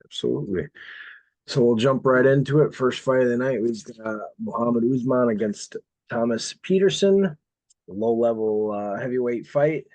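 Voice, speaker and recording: A man's voice: medium pitch, moderate pace, dry recording. A man co-hosting a sports betting podcast, talking casually and steering the conversation from fight to fight. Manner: relaxed, conversational, steers the show. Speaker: podcast co-host.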